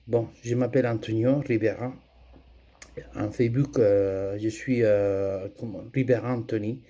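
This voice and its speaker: A middle-aged Spanish man gives a halting personal testimony in his accented second language, stopping often to search for words. His voice is fairly low and mellow, and he speaks very slowly. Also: fairly even intonation. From Andalusia, Spain. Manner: hesitant, many fillers and restarts. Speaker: testimony giver.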